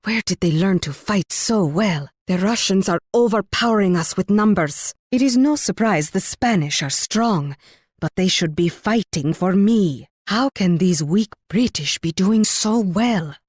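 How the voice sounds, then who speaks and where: A woman's voice: mid-range voice, lively intonation, a little mellow, dry recording, studio quality. Regal, flirtatious Queen Isabella. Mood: indignant, alarmed. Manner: regal, teasing, theatrically measured delivery. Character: proud, flirtatious Spanish warrior queen, imperious and coaxing. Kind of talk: video game voice acting.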